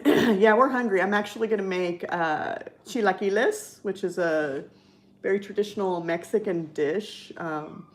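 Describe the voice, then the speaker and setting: A middle-aged woman with a Californian accent hosts a livestream, chatting casually with viewers. Her voice is mid-range at a measured pace, and she sprinkles her talk with "like" and "you know."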